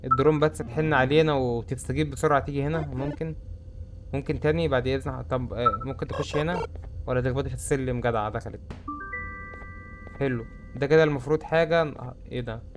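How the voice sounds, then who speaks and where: A man's voice: mid-range voice, fairly even intonation, quick pace, music in the background. A young man with an Egyptian Arabic accent, chattering through a horror game and saying he is scared. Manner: chatty, jumpy, easily spooked. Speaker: gamer. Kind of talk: let's-play commentary.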